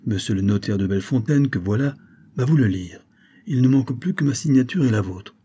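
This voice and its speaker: A man's voice: mid-range voice, expressive, fairly quick, mellow, breathy edge. A man voicing an elderly general, a kindly but solemn patriarch who speaks firmly and formally.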